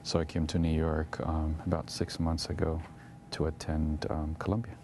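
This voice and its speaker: A man's voice: very deep voice, monotone, moderate pace, dark tone, slight background noise. A young man from Eritrea, raised in Ethiopia, answering as a guest in a TV interview and talking hesitantly with many fillers.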